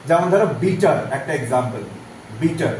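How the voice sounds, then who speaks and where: A man teaching a phonetics lesson, repeating vowel sounds slowly so students can follow. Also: on the high side, expressive, a little mellow. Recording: very echoey room, voice from off-mic, faint background noise.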